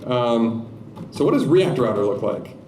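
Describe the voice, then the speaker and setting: A man's voice: mid-range voice, sing-song, measured pace, reverberant, far from the mic, noisy background. A man giving a live-coding tech talk at a conference, chatting through his code with joking, self-deprecating asides. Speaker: conference speaker. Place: conference room with audience.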